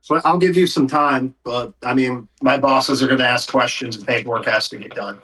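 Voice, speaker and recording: This tabletop narrator ad-libs haltingly and casually, giving characters plain, unembellished lines. He has a somewhat bright mid-range voice, captured in a rough recording.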